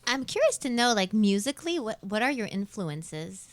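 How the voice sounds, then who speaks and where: Woman radio host, very lively pitch, dry sound, playful, eager questions. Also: moderate pace, dry recording. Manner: enthusiastic, playful, asks follow-up questions. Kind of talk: casual interview chat.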